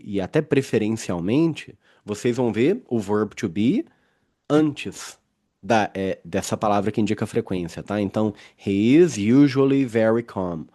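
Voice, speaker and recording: A man teaching an English grammar lesson, explaining patiently, reading example sentences slowly and often checking in with his students. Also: on the low side, mellow.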